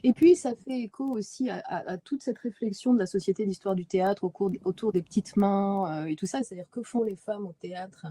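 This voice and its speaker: A woman's voice: mid-range voice, brisk, hardly any pauses, warm tone, breathy edge. A woman moderating an academic webinar over a video call, hesitant with many restarts and fillers.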